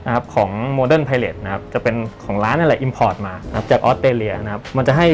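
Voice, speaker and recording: This young senior barber has a mid-range voice with lively intonation and a brisk pace. While cutting and styling in the barbershop, he gives a hands-on demonstration, explaining each step and often finishing phrases politely. Faint music can be heard in the background.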